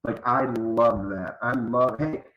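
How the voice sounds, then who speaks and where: A man's voice: medium pitch, steady tone, takes it slowly, reverberant, highs cut off. A man in his fifties, a guest co-host in casual chat, telling stories playfully and slipping into silly voices. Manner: playful storyteller who slips into silly voices.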